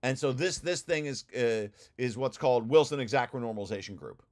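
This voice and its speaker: With lively intonation and a medium pitch, a man speaks a little fast while leading a study group through a research paper. Using shared slides, he gives an informal technical explanation and often restarts and repeats his wording.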